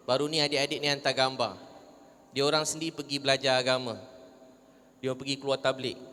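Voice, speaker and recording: A man's voice: mid-range voice, a bit bright, long reverb tail, slight background noise. A man preaching to a live audience, telling stories and putting questions to his listeners. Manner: storytelling, addressing listeners directly with questions. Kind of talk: religious talk to a live audience.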